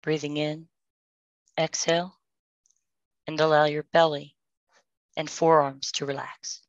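Woman guiding a prayer meditation, low steady voice, dry close sound. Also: no room sound, muffled recording. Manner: slow, soothing, calm instructions with pauses. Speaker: meditation guide.

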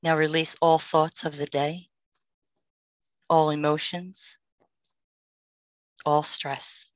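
Woman, meditation guide, soothing, slow, monotone delivery. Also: low-pitched, no room sound. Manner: slow, soothing, calm instructions with pauses.

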